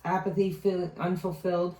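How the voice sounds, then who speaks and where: A woman's voice: fairly low pitch, flat delivery, normal speed, warm tone. A woman giving a casual tarot reading, rambling and often trailing off to restart her thought. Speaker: tarot reader. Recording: echoey room, distant mic.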